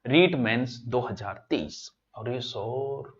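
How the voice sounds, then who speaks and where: Lively Rajasthani man teaching grammar. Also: mid-range voice, takes it slowly. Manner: lively, swings between loud and soft, addresses students directly. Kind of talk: exam-prep grammar lesson. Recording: dull lo-fi online class audio.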